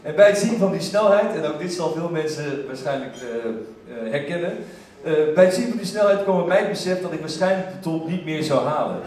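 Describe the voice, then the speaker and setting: A man telling a humorous story to a live theater audience, lively and breaking into shouted exclamations. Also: fairly high pitch, brisk, slight background noise. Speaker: stage storyteller. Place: theater stage. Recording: echoey theater from far off.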